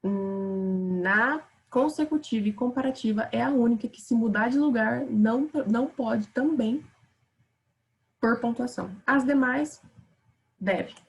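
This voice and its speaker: A woman's voice: fairly high pitch, a little slow, gravelly, low-quality recording. A woman with a Brazilian Portuguese accent teaching a casual online grammar lesson, chatting with her students.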